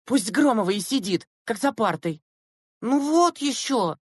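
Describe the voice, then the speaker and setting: A woman's voice: medium pitch, animated, moderate pace, slightly rough, no echo, clean studio sound. A woman voicing a group of mocking, whiny teenage schoolgirls in an audiobook, with a sneering manner. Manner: sneering, whining. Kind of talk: audiobook character reading.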